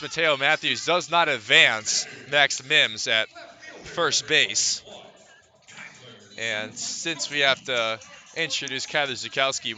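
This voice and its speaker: Pushed and bright, a man's mid-range voice delivers live baseball play-by-play for radio. His commentary blends clipped stat readouts with fuller descriptions of what's happening on the field.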